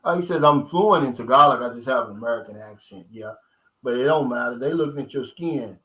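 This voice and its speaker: In a medium-pitched, slightly bright voice, a man in his fifties reads out live-stream comments at a fairly quick pace. He replies to his viewers loosely and with a streetwise edge, keeping the chat casual.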